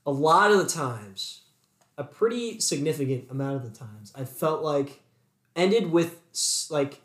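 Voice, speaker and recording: A man's voice: a little high, measured pace. A young man co-hosting a podcast, telling a story in casual chat and acting out both sides of an argument. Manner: animated storytelling, acts out both sides of quarrels. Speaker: podcast co-host. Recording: echoey room.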